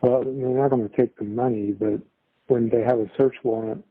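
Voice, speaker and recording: A man's voice: mid-range voice, fairly even intonation, normal speed. A man taking a call from prison over the phone, speaking briefly and practically with pointed questions. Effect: heard over a prison phone call. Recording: tinny prison phone line.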